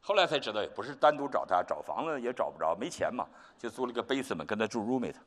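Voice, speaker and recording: A male pastor preaching a sermon, telling a story with lively animation. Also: mid-range voice, fast. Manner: animated storytelling, acts out quotes. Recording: long reverb hall.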